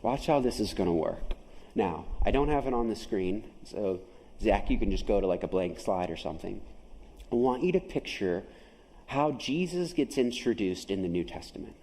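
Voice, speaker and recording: A man's voice: lowish voice, animated, normal speed, dark tone, long reverb tail, low-quality recording. A man preaching a sermon as pastor, emphatic, often asking his listeners questions. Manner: emphatic, asks the audience questions. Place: chapel.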